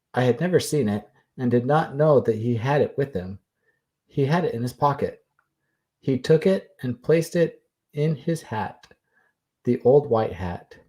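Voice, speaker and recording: A man voicing a 19th-century man who gives a sworn account, read slowly and in a measured way. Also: mid-range voice, dark tone. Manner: slow, measured reading.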